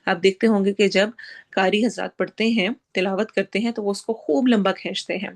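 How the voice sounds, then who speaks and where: A woman teaching Quran recitation, explaining pronunciation rules in a brisk, instructive way. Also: mid-range voice, steady tone. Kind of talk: tajweed lesson.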